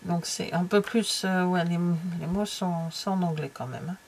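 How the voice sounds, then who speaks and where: A woman's voice: on the low side, normal speed, a little hiss or hum. A middle-aged French woman chatting casually as she flips through a craft catalogue, full of fillers and trailing asides. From France. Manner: chatty and hesitant, many fillers and trailing asides, drops to near-whispers. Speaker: craft vlogger flipping through a stamping catalogue. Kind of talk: casual chat.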